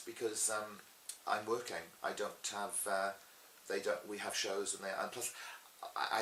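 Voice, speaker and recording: Here a low-pitched, middle-aged Welshman from Swansea chats casually in an interview about his life as a pantomime dame and cabaret performer. He tells stories with lively animation and acts out the quotes, and there's a roomy echo with faint hiss.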